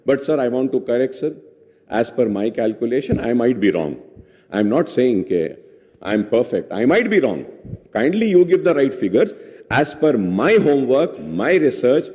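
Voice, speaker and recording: A man's voice: medium pitch, a little mellow. A man giving a speech in a legislative assembly, switching between Hindi and English, addressing the chair as sir, reading out figures and pressing his point. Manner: reads out figures, then turns argumentative. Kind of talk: parliamentary speech. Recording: long reverb of an assembly hall.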